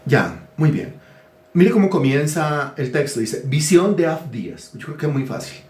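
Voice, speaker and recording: A man's voice: on the high side, animated, moderate pace, darkish tone, echoey room. A man preaching a teaching sermon, asking his listeners questions and telling them what to write down. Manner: asks the congregation questions and dictates words to write. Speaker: pastor.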